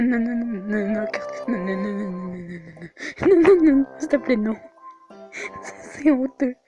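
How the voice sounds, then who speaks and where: A woman playing through a story game, reading it aloud and reacting in an excitable way, laughing often and protesting loudly. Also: a little high, muffled recording. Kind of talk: let's play, reading choices and reacting.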